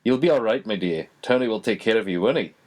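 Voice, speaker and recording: A man's voice: fairly low pitch, expressive, quick pace, a little mellow. A man doing a breezy, genial man.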